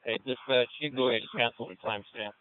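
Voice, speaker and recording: A man's voice: mid-range voice, fast, no room sound. Man, battalion chief, clean voice, firefighter radio talk, narrow-band transmission. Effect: two-way radio transmission.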